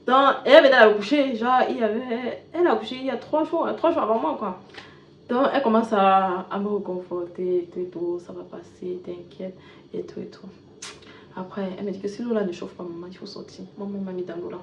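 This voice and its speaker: A woman vlogger casually retelling a personal story, switching from loud bursts to soft asides. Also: medium pitch, brisk. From Cameroon. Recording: echoey room, dull lo-fi sound with faint hiss.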